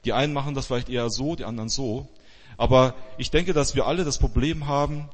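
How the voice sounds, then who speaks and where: Husky-voiced male pastor in reverberant hall. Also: mid-range voice, quick pace. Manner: lively storytelling, acting out quoted speech. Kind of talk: sermon retelling a Bible story.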